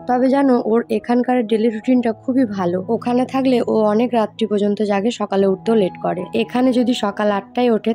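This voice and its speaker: A woman's voice: medium pitch, warm tone. A young woman, a vlogger and mother, chatting to her viewers in casual voice-over narration. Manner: chatty, talks straight to viewers.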